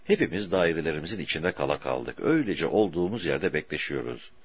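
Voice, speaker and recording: A man reading a story aloud for an audiobook in a slow, deliberate way, with a husky voice. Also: rumbling low, lively intonation, dry recording. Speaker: audiobook narrator.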